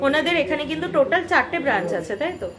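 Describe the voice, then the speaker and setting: A woman's voice: sits high, sing-song, rapid-fire, crowd noise. A woman vlogging casually, chatting and explaining things to her viewers with frequent fillers. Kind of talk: casual vlog narration.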